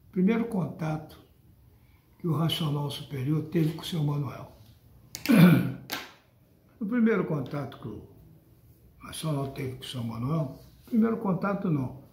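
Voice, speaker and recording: A man's voice: a little high, lively intonation, takes it slowly, long pauses, warm tone, roomy sound, slight background noise. An older man with a Brazilian Portuguese accent lectures his followers on a spiritual book in an emphatic, scolding tone. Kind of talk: monologue addressed to followers.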